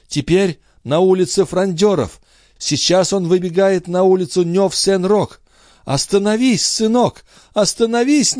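A man doing a shrill frantic woman. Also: a little mellow, no room sound, studio quality, lightly acted. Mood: urgent. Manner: shrill, breathless, crying out. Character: frantic entranced mother, a woman seeing visions. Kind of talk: audiobook dialogue acting.

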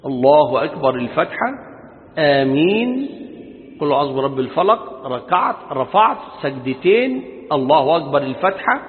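An Egyptian man teaches a religious lesson in lively colloquial speech, his high voice swinging widely as he jokes and calls on listeners to pay attention. The sound is thin and tinny, with a long hall reverb trailing each phrase. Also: normal speed. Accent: Egyptian Arabic. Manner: lively, joking and addressing listeners directly. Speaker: Islamic scholar teaching a lesson.

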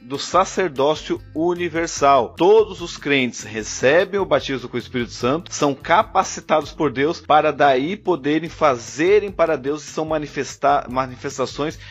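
A man's voice: fairly high pitch, moderate pace, hardly any pauses, husky, faint music behind. A man hosting a podcast in a casual theological discussion, affirming the others and laying out his argument step by step. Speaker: podcast host. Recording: slightly dull lo-fi audio.

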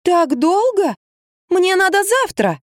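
A woman voicing an excitable young wife who plays the fool, exclaiming and indignant. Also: very high voice, takes it slowly, no room sound, studio quality, voice pushed up, exaggerated voice. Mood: agitated.

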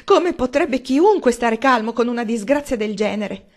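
A woman reading aloud as an anxious older woman wringing her hands, high-strung and agitated. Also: animated, normal speed. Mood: distraught.

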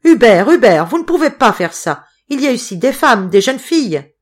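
A woman voicing a panicked older village mayor who shouts and pleads. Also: medium pitch, animated, moderate pace, lightly acted. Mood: pleading.

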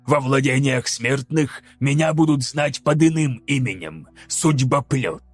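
Мужчина озвучивает древнего двуглавого демона-стервятника: хриплый, медленный, зловеще торжественный, аудиокнига. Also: male voice, mid-range voice, no echo, soft background music, lightly acted. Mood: grave, ominous. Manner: slow, grave, hissing pronouncements. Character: ancient hunched two-headed vulture demon, solemn.

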